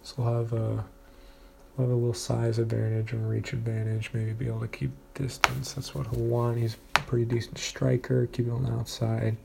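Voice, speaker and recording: A man with a gravelly, mellow voice talks through upcoming fights in a loose, casual monologue. He hesitates often, restarts his sentences and plays down his own expertise, in an even, flat delivery. A faint noise sits behind him. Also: medium pitch. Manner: hesitant, many fillers and restarts, self-deprecating. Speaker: fight predictions commentator.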